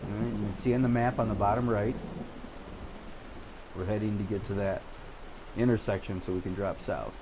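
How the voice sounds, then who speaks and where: A man with a fairly low voice gives casual video game commentary. He talks in an unhurried way, thinking aloud as he plays. There is clear, steady vehicle-like noise behind him. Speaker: gamer narrating a storm-chasing simulation game.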